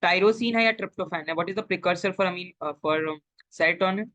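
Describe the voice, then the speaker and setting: A woman's voice: lowish voice, racing, a bit bright, no echo, muffled recording. A woman with an Indian accent teaching an interactive online class, quizzing and praising students and switching between English and Hindi.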